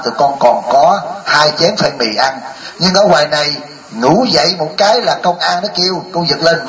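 A man's voice: a little high, a bit bright, roomy sound, low-quality recording. A man, a Buddhist monk teacher, giving a dharma talk that mixes humor with lecturing and speaks straight to the audience. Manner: addresses the audience directly, mixes jokes with lecture.

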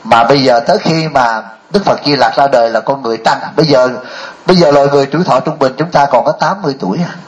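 Telling stories and asking the audience many rhetorical questions, an older monk gives a Buddhist dharma talk. His mid-range voice moves at a quick pace. The high frequencies in the recording are cut off.

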